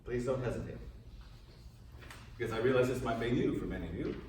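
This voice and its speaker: Speaking fairly quickly at a medium pitch, this male priest has a slightly mellow tone. He quizzes a live audience in a large room during an informal parish lecture, keeping it conversational; the mic is distant, so there's strong echo and a faint hiss.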